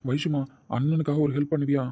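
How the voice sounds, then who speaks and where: A man's voice: a little high, little pitch movement, fast, dark tone, husky, dry recording. A man voicing a caring, protective older brother who coaxes and reassures his sister. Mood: coaxing. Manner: coaxing, reassuring, brooding when alone.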